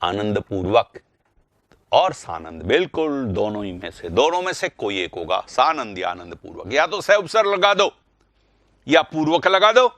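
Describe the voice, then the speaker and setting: A man teaching Hindi grammar in a live online class, calling students by name, repeating words and getting loud when he corrects them. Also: medium pitch, measured pace, no room sound. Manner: animated, rising sharply when correcting.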